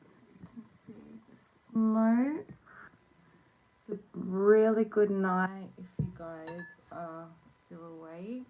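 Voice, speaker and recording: A woman with a low voice and a sore throat leads a casual oracle card reading at a slow pace. She meanders and pauses as she gives gentle instructions. It is recorded on a phone with clearly audible noise. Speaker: tarot and oracle card reader hosting a reading. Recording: noisy phone recording with clicks.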